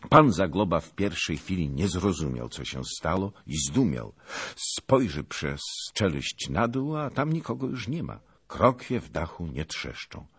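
A man's voice: deep voice, very animated, slightly rough. A man dramatically narrating a historical novel in an audiobook. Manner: dramatic, slow and deliberate.

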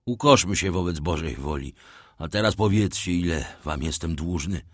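A man voicing a gentle, sorrowful older shipowner who has lost everything. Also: low voice, lively intonation, normal speed, dry recording, studio quality. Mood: moved. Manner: soft, warm, sorrowful.

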